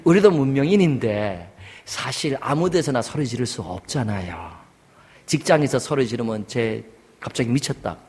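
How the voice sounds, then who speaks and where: A man preaching a sermon as senior pastor, moving from quiet, joking talk to loud, shouted prayers. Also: mid-range voice, expressive, moderate pace, in a large hall. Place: church sanctuary.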